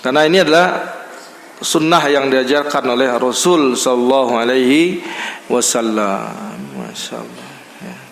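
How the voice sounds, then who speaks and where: A man giving a casual mosque lecture, chatty and acting out small scenes with lively voices. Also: mid-range voice, normal speed, vocal fry, slight background noise. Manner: conversational, acts out little scenes with lively voices. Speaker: ustaz giving a monthly study lecture. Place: mosque hall. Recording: echoey hall with long reverb.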